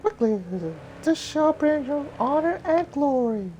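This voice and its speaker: A man voicing a nervous young woman from an animated film script in a high falsetto, over background noise. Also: unhurried, highs cut off.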